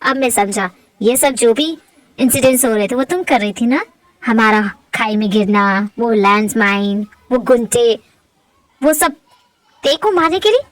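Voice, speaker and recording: A woman's voice: a little high, expressive, unhurried, no room sound, pitched below the performer's own voice. A woman voicing a cold, brooding rich young husband who speaks curtly and with suspicion. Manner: curt, suspicious.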